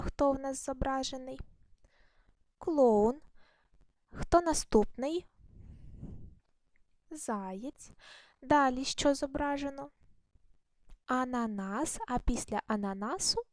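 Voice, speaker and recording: A woman teaching a primary school video lesson, speaking slowly and clearly to children in an encouraging way. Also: a little high, darkish tone, dry recording. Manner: slow, clear, encouraging classroom delivery.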